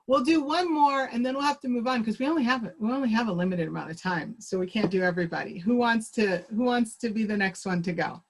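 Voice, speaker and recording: A woman with a fairly high voice runs a virtual group exercise over a video call. She is chatty and upbeat and laughs easily as she draws people out. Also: fast talker, hardly any pauses. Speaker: workshop presenter.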